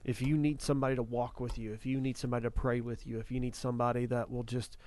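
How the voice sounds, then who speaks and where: A man's voice: mid-range voice, flat delivery, fast, darkish tone. A man hosting a faith talk show, speaking earnestly and repeating phrases for emphasis. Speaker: ministry podcast host.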